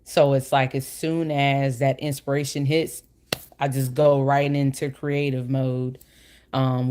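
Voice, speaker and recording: A woman's voice: rumbling low, a little mellow. A woman hosting a casual livestream chat, talking in an informal, slangy, meandering way, her speech slightly slurred by the retainer she is wearing. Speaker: livestream host.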